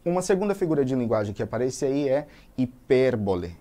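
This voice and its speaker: A man with a Brazilian Portuguese accent teaching a recorded language lesson, reading example sentences aloud and explaining them slowly and methodically. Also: medium pitch, big pitch swings, warm tone.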